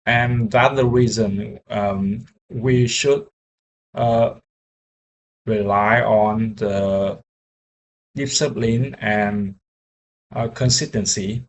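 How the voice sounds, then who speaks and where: A young man, a software engineer learning English, talking casually in a vlog, halting with many fillers and restarts. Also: fairly low pitch, fairly even intonation, a little hiss or hum, poor audio.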